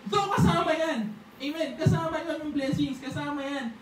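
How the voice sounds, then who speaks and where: A preacher's high voice holds a steady tone and a moderate pace through a sermon in an echoey church hall. Conversational in manner, the preacher keeps asking "di ba?" and acts out prayers, heard from far off over a faint hiss.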